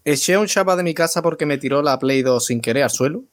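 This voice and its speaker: A man's voice: a little high, expressive, fast talker. A man hosting a casual chat among friends, laughing often. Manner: leads the segment, laughs often. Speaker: podcast host.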